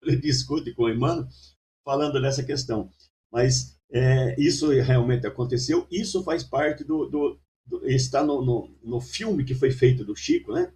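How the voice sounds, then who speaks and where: A man's voice: mid-range voice, moderate pace, a little mellow, recorded from a distance. A man telling anecdotes as a talk show guest, hesitating and repeating words. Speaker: guest storyteller.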